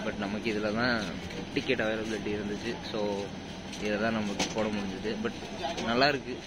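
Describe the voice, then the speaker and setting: A man's voice: lowish voice, steady tone, moderate pace. A man filming a casual travel vlog on a train and chatting as he goes, with many fillers as he thinks aloud. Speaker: travel vlogger. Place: on a moving train. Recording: loud train noise. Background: loud train and air-conditioning noise.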